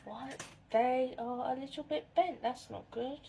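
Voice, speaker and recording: Casual woman in her thirties, bright high voice, rambling spooked storyteller talking to camera. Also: measured pace, gravelly, a little hiss or hum. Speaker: vlogger. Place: kitchen at home.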